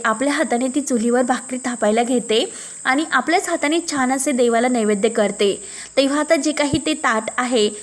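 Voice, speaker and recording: A woman casually retelling a television serial episode in a chatty, filler-heavy storytelling style. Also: a little high. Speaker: serial recap narrator.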